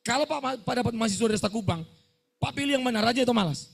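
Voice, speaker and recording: A man's voice: very high voice, rapid-fire, gravelly, slightly rough. A middle-aged male pastor, preaching a scolding sermon to students and firing call-and-response questions at them.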